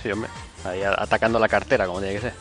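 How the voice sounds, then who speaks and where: A man's voice: fairly low pitch, fairly even intonation, racing, a bit bright. A man with an accent from Spain hosting a podcast in casual conversation. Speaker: podcast host. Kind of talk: casual podcast introductions and chat. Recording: music behind the talk.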